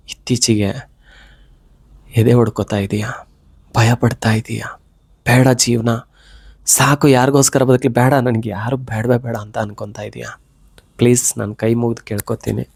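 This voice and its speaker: A man with a fever, giving an earnest devotional pep talk straight to the viewer, pleading and gently coaxing. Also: lowish voice, vocal fry, no echo. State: unwell with a fever. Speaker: devotional motivational speaker. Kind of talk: direct heartfelt address to the viewer.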